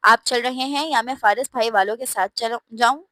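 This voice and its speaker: A woman's voice: fairly high pitch, dry recording, natural voice. A woman voicing a spirited young wife. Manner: lively, quick to bristle.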